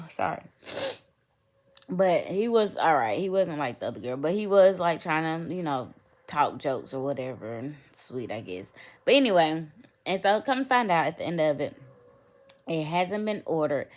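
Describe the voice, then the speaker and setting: Sleepy lady vlogging, low voice that swoops around, rambling vent. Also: big pitch swings, moderate pace. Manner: rambling, venting, lots of fillers. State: sleepy, yawning. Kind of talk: casual storytime vent.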